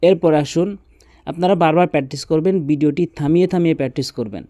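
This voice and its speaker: A woman teaching Quran recitation through slow call-and-repeat, drawing out chanted phrases between quick spoken explanations. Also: deep voice, dark tone, dry recording, studio quality.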